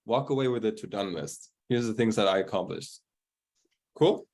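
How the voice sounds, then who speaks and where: Over a video call, a man with a fairly low, darkish voice hosts an online group coaching session at a normal pace. He keeps things casual and upbeat, giving hyped-up introductions to his guests.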